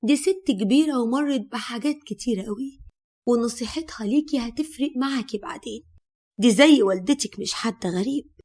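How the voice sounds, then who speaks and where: A woman's voice: fairly high pitch, fairly quick, a little mellow, natural voice. A woman with an Egyptian accent voicing a stubborn, defensive young husband who talks in an insistent, dismissive way.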